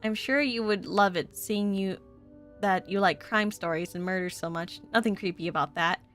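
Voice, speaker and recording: A woman streaming a game, reading its letters and dialogue aloud in a slow, expressive way, and turning playful and giggly between lines. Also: mid-range voice, soft background music. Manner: playful and giggly when ad-libbing. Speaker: VTuber streamer.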